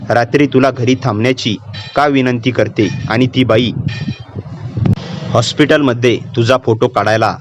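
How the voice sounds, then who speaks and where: Voicing a young girl taken over by a vengeful female spirit, a man tells a story in a cold, calmly taunting, menacing way. He speaks at normal speed in a medium-pitched voice close to his everyday one, with music in the background.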